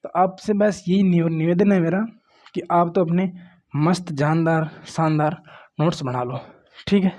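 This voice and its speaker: A man's voice: fairly high pitch, fairly even intonation, unhurried, a little mellow. A man teaching grammar at a board, often saying "look" and "okay" to his students. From Rajasthan. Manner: repeats "देखो" and "ठीक है", coaxing and plain. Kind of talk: classroom lecture at a board.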